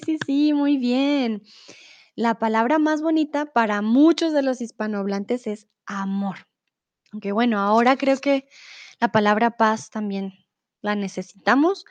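A woman's voice: a little high, a little mellow, no room sound, muffled recording. A young woman teaching a live online Spanish class, reading out chat comments and explaining patiently, often checking in with her students. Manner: patient, checks in with "¿vale?", switches to English and German. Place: in Mexico.

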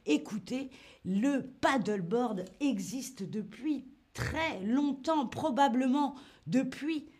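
A woman's voice: high-pitched, takes it slowly, darkish tone. Playful woman hosting a livestream. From Nice, France. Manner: playful, chatty, greets chat viewers. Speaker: livestream host. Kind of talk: live-streamed lesson while paddleboarding. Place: outdoors on the sea.

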